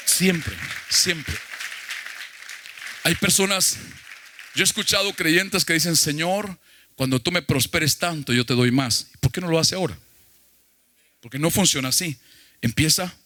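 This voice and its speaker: A man's voice: medium pitch, fairly bright tone, dry recording. A male pastor preaching a sermon emphatically, putting questions to the congregation.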